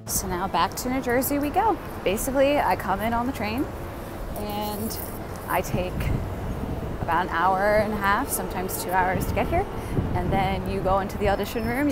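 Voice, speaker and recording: A young woman talking casually and brightly into her vlog camera, a professional dancer sharing her day. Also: mid-range voice, heavy background noise. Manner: upbeat and chatty. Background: background music.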